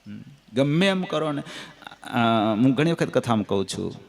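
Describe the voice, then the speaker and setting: A man with a Gujarati accent giving a devotional scripture discourse, telling stories and folk anecdotes in a lively, sing-song way. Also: mid-range voice, moderate pace, creaky. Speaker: katha storyteller.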